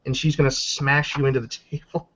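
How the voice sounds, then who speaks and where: Narrating a tabletop RPG as game master, this man keeps things casual, counts dice aloud, and swears without restraint. His mid-range voice is brisk and flat-delivered with a fairly bright tone, carried over dull lo-fi voice chat.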